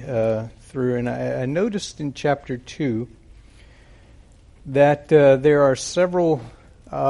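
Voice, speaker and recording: A male preacher speaks into a pulpit microphone at a church service, taking his time over every phrase. His voice has a gravelly, creaky edge, and he pauses often to gather his words. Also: mid-range voice, warm tone. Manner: unhurried, deliberate, with frequent pauses and fillers. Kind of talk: sermon with prayer.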